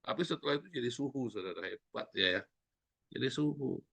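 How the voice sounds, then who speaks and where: A man preaching a sermon as pastor, speaking in an animated way with sudden loud exclamations. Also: mid-range voice, fast, gravelly, slightly rough.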